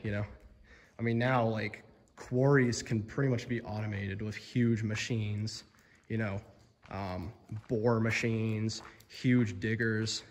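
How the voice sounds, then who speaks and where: A young man with a lowish voice vlogs in an echoing abandoned stone quarry cavern, where a long reverb follows him. Chatty and amazed, he fills his casual exploring vlog with fillers, talking into a phone held at arm's length. There is slight background noise.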